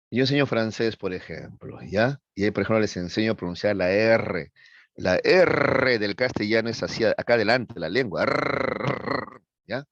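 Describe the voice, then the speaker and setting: A man with a low voice lectures a class, constantly checking that the students are keeping up. The sound is dry and a little dull, as though taken from a modest recording in a classroom. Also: dry recording. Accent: Peruvian Spanish. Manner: explains with frequent checks for understanding. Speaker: teacher.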